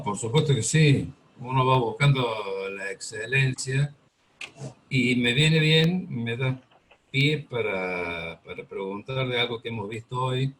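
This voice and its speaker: A man's voice: mid-range voice, a little hiss or hum, poor audio. A man thoughtfully forming a question to the teacher. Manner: thoughtful, slow with pauses while forming a question. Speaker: workshop colleague. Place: classroom.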